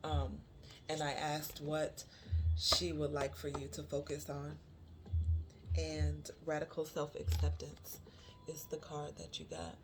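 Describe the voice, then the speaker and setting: A spiritual card reader giving a channeled reading to viewers, repeating phrases for emphasis, with many pauses and fillers. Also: mid-range voice, background noise. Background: music.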